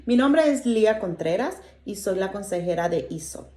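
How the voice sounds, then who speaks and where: A woman's voice: mid-range voice, lively intonation, moderate pace, mellow. A woman from Honduras, a school counselor, giving a cheerful short greeting. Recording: echoey room, faint noise.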